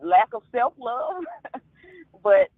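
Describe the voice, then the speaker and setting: A woman in her twenties, calling in to a live talk show and speaking candidly, often halting and trailing off. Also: on the high side, very animated, no room sound. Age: 20s. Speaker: caller. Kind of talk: call-in talk. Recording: tinny phone line.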